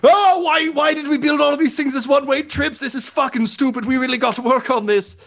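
Shrill exasperated engineer, voiced by a man, rushed, loud. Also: vocal fry, exaggerated voice. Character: frantic male engineer, exasperated.

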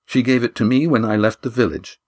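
A man's voice: medium pitch, steady tone, brisk, natural voice. A man narrator voicing a proud young man who speaks earnestly and firmly in an audiobook.

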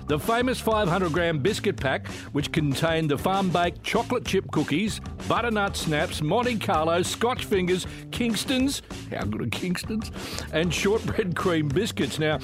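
An older man with an Australian accent, presenting and chatting as a breakfast radio host. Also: high voice. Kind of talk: commercial radio presenting and chat.

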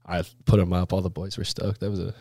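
This man's low-pitched voice is dark and level, moving at a quick pace, captured dry at studio quality. He's a laid-back interview guest swapping stories in casual conversation, full of snowboarder slang and plenty of "like" and "dude."

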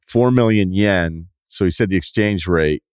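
A man's voice: low-pitched, a little slow, darkish tone, smooth, dry recording. A man hosting a sports podcast, chatting casually and reading out listener emails.

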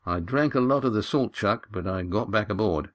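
A man's voice: fairly low pitch, normal speed, natural voice. A man narrating a story voices a seasoned older male sailor, speaking plainly and bluntly. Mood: matter-of-fact.

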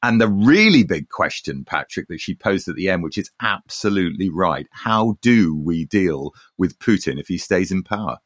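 Male podcast co-host, lower register, thoughtful and opinionated, conversational delivery, very dry close sound. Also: animated, normal speed, hardly any pauses, a bit bright, no room sound.

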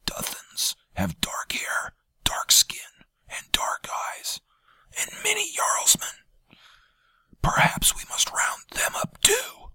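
A man voicing a wounded nobleman whose throat is torn, speaking in a hoarse, ragged whisper. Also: very high voice, huge pitch swings, slow, bright, forceful tone, dry recording, pitched above the performer's own voice, heavily acted. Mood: pained.

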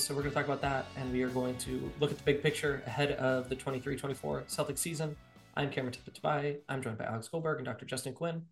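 A podcast host chats in a casual, joking way, upbeat and plugging sponsors. His medium-pitched voice has vocal fry and sounds echoey in the room.

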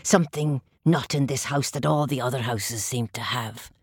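A woman's voice: rumbling low, breathy edge, no echo, clean studio sound, voice pushed down, exaggerated voice. A woman voicing a sensible, good-natured male dog. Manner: plain, sensible and deliberate.

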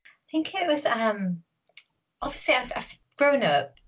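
A woman from Newcastle, England speaks in a slightly high, sing-song voice at a somewhat slow pace, with a faint hiss or hum in the audio. She's an author guest in a casual interview, rambling along with lots of fillers and restarts.

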